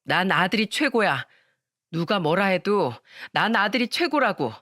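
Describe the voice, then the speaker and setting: A woman's voice: medium pitch, big pitch swings, fairly bright tone, no echo, studio quality. Woman doing a cold, scolding middle-aged mother. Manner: slow, scolding, threatening. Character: cold, harsh middle-aged mother favoring her son.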